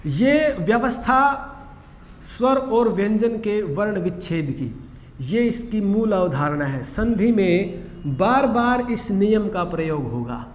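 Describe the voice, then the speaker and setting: A man with a high voice gives a grammar lesson at an unhurried pace, going over each rule and repeating the key points. He sounds like he is in a roomy space with a long reverb tail. A faint hiss sits under his voice. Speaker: teacher. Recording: echoey room with long reverb, faint noise.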